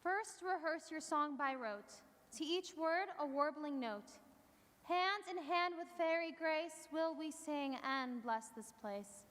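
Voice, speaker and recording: A teenage girl plays a graceful fairy queen urging her fairies to sing, in a high, lilting voice. She sounds far from the mic, with long theatre reverb. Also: slow pace, a bit bright. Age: teens. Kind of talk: Shakespearean stage verse.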